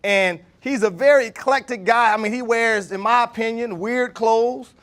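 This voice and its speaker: Male leadership trainer in his thirties, high voice, lively workshop delivery that keeps quizzing the room. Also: normal speed. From Jacksonville, Florida. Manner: animated, asks the room questions. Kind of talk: workshop talk to a live group.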